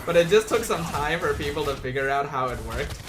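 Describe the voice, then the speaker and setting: A man doing casual livestream gameplay commentary like an animated, exasperated gamer bro. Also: fairly high pitch, brisk, background noise. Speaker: esports caster streaming a game.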